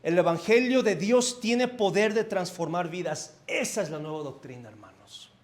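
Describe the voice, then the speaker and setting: Male pastor, Mexico City accent, high voice, animated conversational sermon in a church. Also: moderate pace. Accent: Mexico City Spanish. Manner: animated, asks the congregation questions, swings between loud and soft. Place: church sanctuary.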